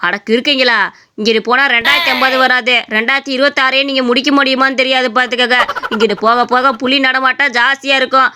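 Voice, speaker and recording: A woman voicing a scornful male village priest, mocking and rapid. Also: sits high, fairly even intonation, noisy background, lightly acted.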